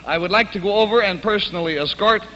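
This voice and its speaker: A man's voice: high-pitched, fast, sharp tone. Guy hosting a game show on a dull, hissy 1950s tv broadcast, folksy and chatty, long studio echo. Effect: old 1950s TV broadcast sound. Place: TV studio stage. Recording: dull lo-fi 1950s TV audio, reverberant studio, faint hiss.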